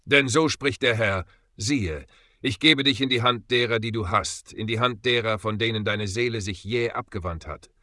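A man's voice: on the low side, moderate pace, bright, forceful tone, dry recording, clean studio sound. A man voicing a grim, hard leader who quotes scripture, speaking harshly and tersely. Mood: solemn.

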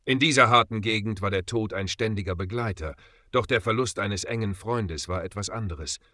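Low-voiced man narrating an audiobook gravely. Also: normal speed, sharp tone, dry recording. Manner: grave, dramatic storytelling.

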